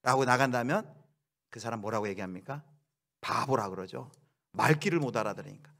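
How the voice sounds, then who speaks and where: A man preaching a sermon as pastor, shifting from quiet explanation to loud acted-out outbursts. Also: mid-range voice, a little fast, vocal fry.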